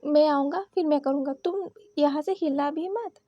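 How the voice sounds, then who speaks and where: A woman's voice: sits high, moderate pace, no echo, dull audio, natural voice. A woman voicing a stern, possessive company president who gives curt orders, in a read-aloud fan story. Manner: curt, commanding, scolding.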